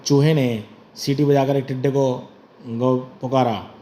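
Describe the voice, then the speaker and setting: A man reading comic stories aloud in plain, even storytelling. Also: medium pitch, a little slow, background noise.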